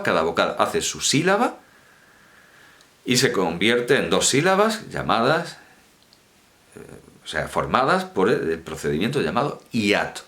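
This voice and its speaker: Man, university lecturer, low voice, very animated intonation, colloquial, self-correcting. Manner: digressive, colloquial, self-correcting, repeats key words.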